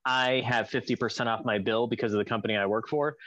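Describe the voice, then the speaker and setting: A man of middle pitch talks in a loose, rambling way, full of "um" and "like" and half-started phrases. His voice comes through a dull, slightly lo-fi recording with no room echo at all. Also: steady tone, quick pace, a bit bright. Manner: rambling, with many fillers and restarts. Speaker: divorced father telling a story. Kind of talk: casual spoken account of a co-parenting conflict.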